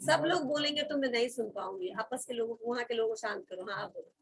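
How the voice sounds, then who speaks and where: A woman's voice: a little high, animated, fast, vocal fry, low-quality recording. A woman with an Indian accent teaching a college vocabulary class, speaking firmly and spelling words out letter by letter. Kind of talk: classroom lesson mixing Hindi and English.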